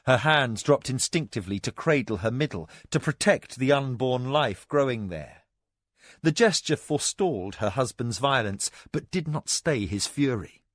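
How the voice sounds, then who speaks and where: A man narrating a fantasy novel as an audiobook, in a measured, expressive way. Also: medium pitch, no echo, studio quality.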